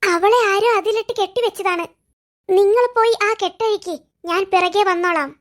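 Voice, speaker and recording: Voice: extremely high pitch, moderate pace, fairly bright tone. A voice actor voicing a cheeky, know-it-all young man in a comic cartoon, talking in a bossy, teasing and scolding way. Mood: scheming. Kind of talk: cartoon voice acting.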